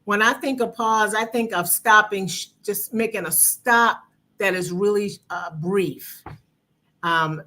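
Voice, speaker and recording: A woman's voice: medium pitch, slow, bright, forceful tone. A woman co-hosting a livestream, upbeat and reading out viewer comments. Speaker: co-host.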